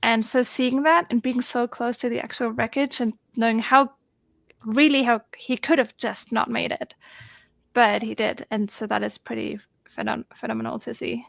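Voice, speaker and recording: Woman on a video call, excitable and rambling, slightly high, gravelly. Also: moderate pace, no room sound. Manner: excitable, rambling, lots of fillers. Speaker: guest on a group video chat. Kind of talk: casual chat.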